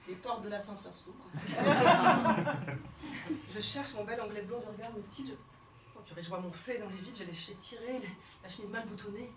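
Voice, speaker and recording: A woman comedian performing a one-woman stage show, telling her story theatrically and swinging between hushed and shouted lines. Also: medium pitch, heavy background noise. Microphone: fixed camera from the hall. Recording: roomy hall sound from far off.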